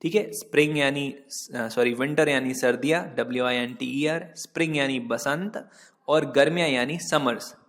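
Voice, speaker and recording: A man teaching vocabulary from slides, slow and patient, spelling each word out letter by letter and stopping to correct his own typos. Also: medium pitch, a bit bright, big-room sound. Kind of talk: slide-based vocabulary lesson.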